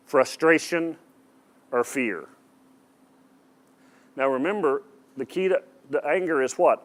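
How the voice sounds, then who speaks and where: Preaching in a hall, this medium-pitched male pastor speaks emphatically and directly to his audience. He frequently asks them questions and says things over again for effect.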